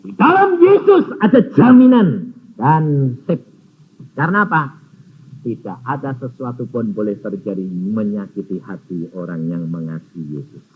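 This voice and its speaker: A man preaching a storytelling sermon, acting out conversations with sudden high squeals and low murmurs. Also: big pitch swings, unhurried, husky. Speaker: evangelist preacher. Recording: muffled phone-like sound with faint noise.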